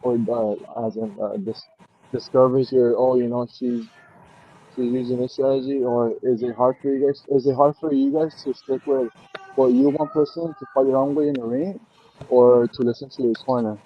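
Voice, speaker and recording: A man co-hosting an interview, asking questions in a hesitant, halting way full of fillers and restarts; his voice comes through muffled, as if through a wall. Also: mid-range voice, steady tone. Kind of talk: casual remote interview. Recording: dull lo-fi call audio with faint noise.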